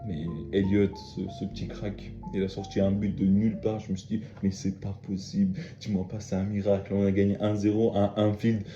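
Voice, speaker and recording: A young man hosts a casual football analysis, chatty and emphatic, with fillers and restarts. His voice is low and very dark. The sound is dull and lo-fi in an echoey room, with faint music underneath. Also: level tone, normal speed, hardly any pauses. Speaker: football video host.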